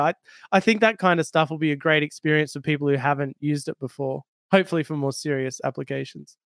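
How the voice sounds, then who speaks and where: A man co-hosting a tech podcast, chatting casually and laughing easily. His voice is smooth and resonant and sits a little high for a man. The sound is close and dry, with no room around it. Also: no room sound. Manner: animated, quick to laugh. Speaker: podcast co-host.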